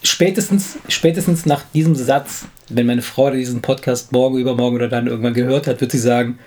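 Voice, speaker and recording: A man's voice: medium pitch, fairly even intonation, brisk, a little mellow. A man co-hosting a podcast, chatting loosely, often restarting his words and laughing easily. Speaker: podcast co-host. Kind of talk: casual chat.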